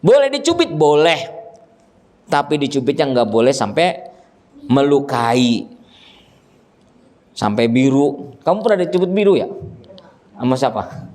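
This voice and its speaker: A man preaching a religious lesson to a gathering, animated and joking with the audience, acting out scolding parents. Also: on the high side, a little slow, long pauses. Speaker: ustadz teaching a religious study group. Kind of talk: sermon. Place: gathering with children and fathers present.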